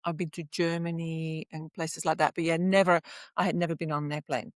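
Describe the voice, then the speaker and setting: A Flemish woman from Belgium, whose first language is Flemish Dutch, joins a podcast as a guest; she lectures in tourism. Her voice is low with little pitch movement, and she talks fairly quickly in a casual, enthusiastic personal chat. The recording is dry and of studio quality.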